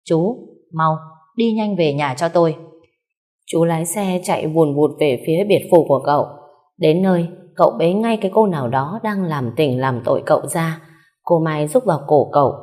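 A woman narrating a story in an even reading voice, giving the characters' lines a little more force. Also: low voice, fairly quick.

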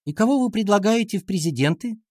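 A man's voice: high voice, expressive, quick pace, darkish tone, no echo, clean studio sound, voice pushed up. A man voicing an earnest fifth-grade girl class monitor, in a raised, eager, explaining voice.

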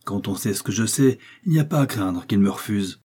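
A boozy, sly vagabond talks back in a low, husky voice, as a male audiobook reader puts him on. He is defiant and wheedling by turns. The sound is dark and mellow. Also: animated, a little fast.

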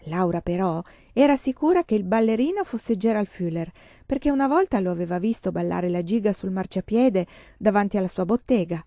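Calm woman reading a storybook aloud. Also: medium pitch, a little fast, dry recording. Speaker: reader. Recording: dull dry lo-fi sound.

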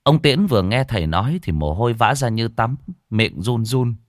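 A man narrating a ghost story in a lively, folksy, colloquial way. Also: medium pitch, normal speed, no echo, studio quality.

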